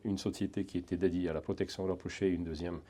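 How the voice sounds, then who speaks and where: Brief: non-native man, Hungarian accent, middle-aged, deep mellow voice, chatty and halting interview guest. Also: little pitch movement. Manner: halting, many restarts and fillers, chatty. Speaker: guest, security training center founder. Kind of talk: casual interview.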